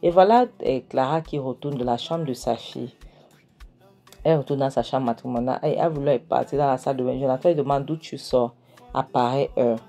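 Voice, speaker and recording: A woman's voice: extremely low pitch, fast, dark tone, soft background music. A woman casually retelling a film scene by scene, with hesitations as she recalls names. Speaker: film recap narrator.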